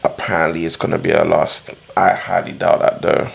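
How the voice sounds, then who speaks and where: Deep, very gravelly young London roadman. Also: flat delivery, a little fast. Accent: London, urban street (roadman). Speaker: podcast co-host. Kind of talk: casual slangy podcast chat.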